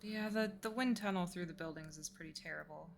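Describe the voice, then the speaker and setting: A woman narrating as game master of a tabletop role-play, pausing often with fillers and laughing easily. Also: lowish voice, creaky, a little hiss or hum.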